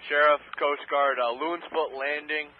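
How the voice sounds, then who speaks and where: A man's voice: a little high, level tone, a little slow. A Coast Guard radio operator, a man, giving clipped, formal calls over a marine radio transmission. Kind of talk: terse marine radio procedure. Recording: tinny marine radio with faint static.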